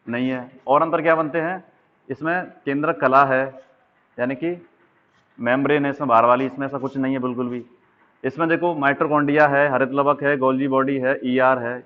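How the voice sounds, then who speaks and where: A man with a mid-range voice teaches an exam-prep biology lesson, explaining while he draws diagrams and checking in often. The audio is tinny, like a phone line.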